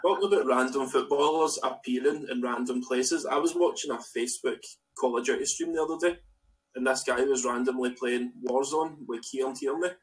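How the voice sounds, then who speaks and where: A Scottish man co-hosting a casual podcast, rambling in an animated way about football. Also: medium pitch, brisk. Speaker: podcast co-host. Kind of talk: casual chat. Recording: distant mic with faint background noise.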